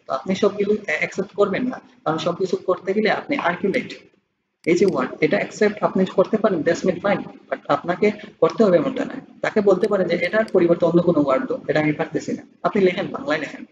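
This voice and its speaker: A young man, tutoring in a casual walkthrough. He explains loosely with many restarts and slowly reads out English example answers. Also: high-pitched. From Bangladesh. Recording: dull lo-fi audio with clear background noise.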